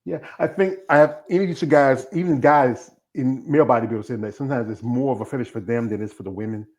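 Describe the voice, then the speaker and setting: A man's voice: mid-range voice, quick pace, a little mellow. A man in his fifties talks casually as host of a live stream. He rambles, circles back, and leaps from one tangent to another in an easy, conversational flow. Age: 50s. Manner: rambling, jumps between tangents.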